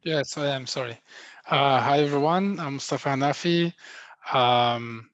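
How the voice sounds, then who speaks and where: A man's voice: medium pitch, measured pace, fairly bright tone, dry recording. Man from Egypt on a dry call. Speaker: community organizer. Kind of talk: casual video call introduction. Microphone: video call.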